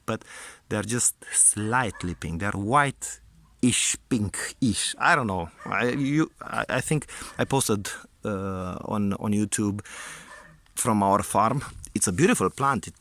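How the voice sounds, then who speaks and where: A man's voice: lowish voice, fairly bright tone. A man giving a casual, unscripted garden tour outdoors, hesitant and often repeating his words as he goes. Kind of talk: casual unscripted vlog narration. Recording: clear background noise outdoors.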